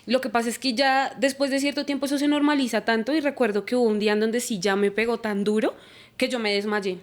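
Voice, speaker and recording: A woman's voice: a little high, quick pace. A young woman from Colombia, giving a church podcast testimony and acting out the dialogue she recalls. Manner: animated, acts out quoted dialogue. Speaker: guest.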